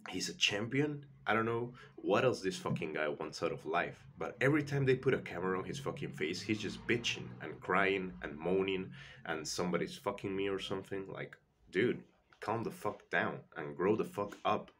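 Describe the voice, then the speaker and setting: A man with an extremely deep voice gives a heated, profane, rambling rant. He vents casually as a sports vlogger, with a faint ambient hum behind him. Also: animated, normal speed, a bit bright.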